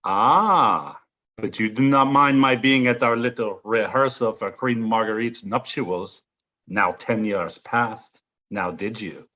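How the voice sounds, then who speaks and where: For an audio play, a man voices a villainous French nobleman in a low-leaning, fully committed character voice that is sharp-edged and raspy. He delivers drawn-out, florid phrases with grand theatricality and mocking relish, sounding sinister and scornful. The recording is slightly dull.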